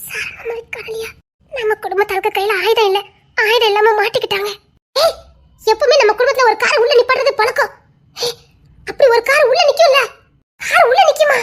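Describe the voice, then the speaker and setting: A woman's voice: extremely high pitch, quick pace. A woman performing every role in a family audio drama, moving between frightened, pleading and stern characters, with breaks of laughing and crying. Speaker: storyteller voicing every character.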